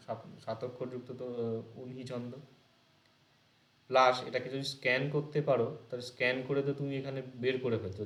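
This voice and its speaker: A man's voice: medium pitch, echoey room. A man teaching an exam-prep lecture, explaining notes step by step and quizzing his students.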